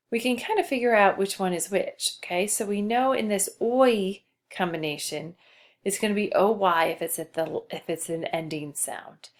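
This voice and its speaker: A woman teacher giving a patient spelling lesson to a child, slowly spelling out letters. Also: medium pitch.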